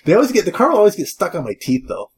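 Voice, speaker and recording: A man's voice: sits high, very fast, slight background noise. A man co-hosting a beer review, chatting casually in a rambling way full of "like" and "you know". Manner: rambling, filler-heavy, animated. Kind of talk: casual chat.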